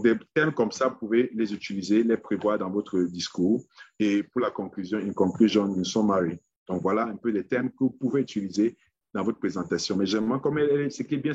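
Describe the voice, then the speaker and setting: A man with a fairly low, husky voice teaches an online lesson on public speaking. He stops and repeats small words while he looks for the right phrasing. His voice comes through a dull, lo-fi webinar microphone with no room sound. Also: a little mellow, no echo.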